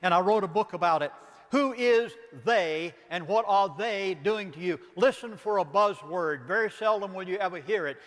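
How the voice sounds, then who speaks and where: A man's voice: high-pitched, a bit bright, big-room sound. An older man with a Southern accent, a pastor giving an impassioned lecture, emphatic and pleading, asking rhetorical questions.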